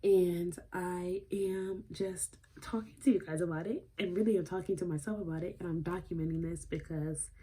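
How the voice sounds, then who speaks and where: A woman's voice: on the low side, warm tone, a little hiss or hum. A woman in her twenties talking casually and earnestly to her vlog audience, emotional and rambling with fillers. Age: 20s. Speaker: vlogger. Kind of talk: casual vlog talk to camera.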